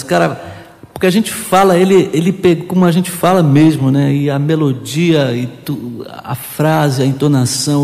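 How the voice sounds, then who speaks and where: A man musing about a song and singing pieces of it to his guitar, unhurried, between songs at a live show. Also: fairly high pitch, creaky. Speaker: singer and guitarist. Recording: roomy hall, live audience, guitar. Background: guitar and loud audience.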